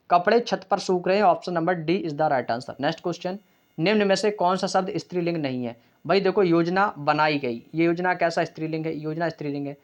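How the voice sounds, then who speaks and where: Brisk Hindi-speaking man teaching exam grammar. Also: on the high side, muffled recording. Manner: brisk, keeps calling students brother, asks and answers own questions. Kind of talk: exam practice lesson.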